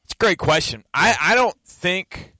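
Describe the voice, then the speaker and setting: A self-assured man talking sports in a rambling, casual way, his voice a bit higher than most men's. The recording is dry and close to the mic. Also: animated, unhurried, pushed and bright, no echo, rough recording. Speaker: co-host and draft analyst.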